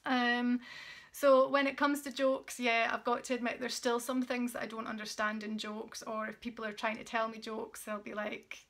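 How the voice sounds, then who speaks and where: A woman's voice: fairly high pitch, level tone, moderate pace, a bit bright. A woman vlogger talking casually to camera, earnest and encouraging, with plenty of fillers.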